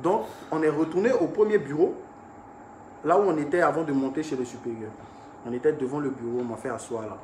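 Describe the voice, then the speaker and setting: A young man telling his viewers about an incident. He talks in an animated way and swings between hushed and raised speech. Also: fairly high pitch, brisk. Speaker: artist recounting an incident. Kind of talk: storytelling to viewers. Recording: echoey room with faint ambient noise.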